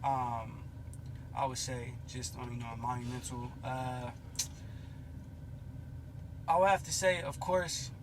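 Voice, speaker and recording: A man co-hosting a podcast in casual chat, thoughtful and hesitant, often pausing with um and you know what I mean. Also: mid-range voice, steady tone, background noise. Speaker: podcast co-host.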